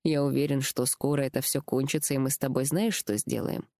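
A woman reading an audiobook, voicing a calm, reassuring young man in a lowered voice. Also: a little fast, creaky, dry recording, clean studio sound, lightly acted.

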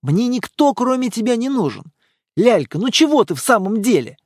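A man's voice: very high voice, sing-song, moderate pace, dry recording, studio quality, pitched above the performer's own voice, full character voice. A man voicing a bewildered young man who pleads and makes excuses to his girlfriend. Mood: pleading.

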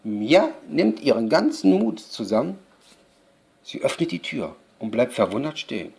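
A man with a gravelly voice reads a children's storybook aloud, slowly and with a lively melody. He is unpolished, often restarting a line and laughing at his own slips. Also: mid-range voice. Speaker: podcast host reading a children's story.

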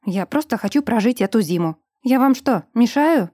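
A woman's voice: a little high, lively intonation, normal speed, warm tone, dry recording, clean studio sound. A woman voicing a sullen, defiant young woman who is turning into a vampire, speaking curtly. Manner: curt, sullen.

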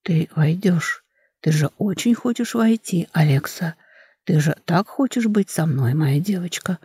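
A menacing male fire mage , put on by a woman reading the book, speaks in a hoarse, coaxing whisper, low and close. The audiobook voice sits dry against a quiet background. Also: moderate pace, no room sound.

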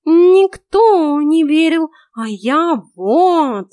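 A woman voicing a sly, fawning male talking house cat in an audiobook, stretching words out high and loud. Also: animated, drawn-out words, full character voice. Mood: gushing. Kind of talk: audiobook character voice.

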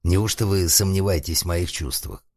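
Buratino voiced by a deep-voiced man, mock-solemn. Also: normal speed, a little mellow, no room sound. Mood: earnest wooing. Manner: earnest, mock-solemn, indignant. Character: cunning wooden-boy suitor, ardent and calculating.

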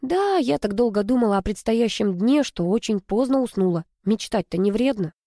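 A woman's voice: fairly high pitch, animated, normal speed, mellow, no room sound, studio quality. Woman playing a chattering mischievous young sister. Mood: excited. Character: lively twenty-year-old female student, teasing sister.

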